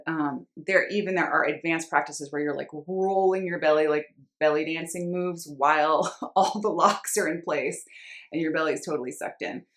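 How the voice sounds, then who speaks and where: A woman instructor informally explaining a breathing and cleansing practice in a measured way, with pauses. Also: lowish voice. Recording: roomy, echoing sound.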